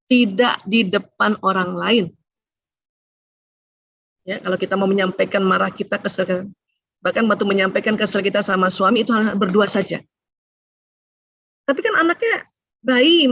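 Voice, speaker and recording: A middle-aged woman doctor giving a chatty seminar talk to women, often adding "ya" as she explains, with sudden rises and hushed asides. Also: mid-range voice, dry recording, muffled recording. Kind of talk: seminar lecture to a women's audience.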